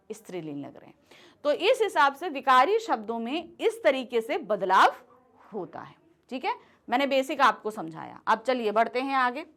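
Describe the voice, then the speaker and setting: Her voice sits high and a little bright as she leads a grammar lesson. Answering her own questions, she regularly pauses to make sure her students are keeping up.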